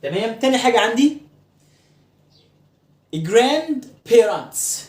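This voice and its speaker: A man's voice: high voice, expressive, darkish tone. Echoey Egyptian man teaching English sounds. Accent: Egyptian Arabic. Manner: repeats words slowly to drill pronunciation. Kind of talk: classroom lesson explaining pronunciation.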